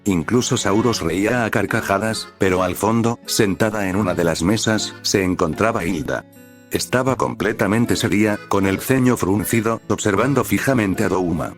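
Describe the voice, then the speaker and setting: A low-pitched man reads a fan fiction story aloud at an even, steady storytelling pace. Soft music plays faintly beneath his voice. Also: moderate pace. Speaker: narrator.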